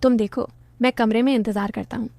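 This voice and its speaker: A woman's voice: a little high, fairly even intonation, a little fast, darkish tone, no room sound, lightly acted. A woman voicing a polite young husband visiting his wife's family. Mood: mild.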